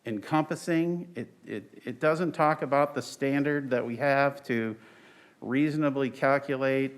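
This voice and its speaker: An older man, an attorney, giving a halting, deliberate oral argument in court. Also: mid-range voice. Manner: halting, deliberate, with stretched pauses. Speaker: attorney arguing on appeal. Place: large courtroom. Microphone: lectern microphone, speaking through a face mask.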